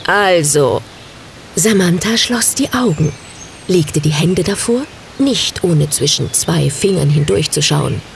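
Slow-reading woman storyteller. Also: on the low side, animated, gravelly, a little hiss or hum. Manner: slow, gentle reading-aloud. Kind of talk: storybook narration.

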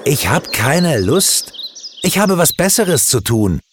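A man voicing a jealous young boy who snaps and shouts spitefully at his friend in a storybook reading. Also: lowish voice, lively intonation, slow, slight background noise. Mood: furious.

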